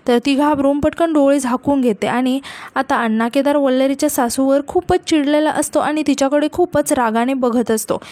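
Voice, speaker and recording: High-pitched woman narrating a serial recap, steady and plain. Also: no echo. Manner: steady retelling with repeated linking phrases. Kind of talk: storytelling recap.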